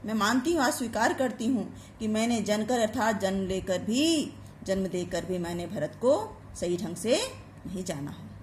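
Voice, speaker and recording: A woman teaching a poem line by line, reciting each verse slowly and then explaining it in plain words. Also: mid-range voice, a little mellow, reverberant, slight background noise. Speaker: Hindi teacher. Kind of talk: line-by-line poetry explanation lesson.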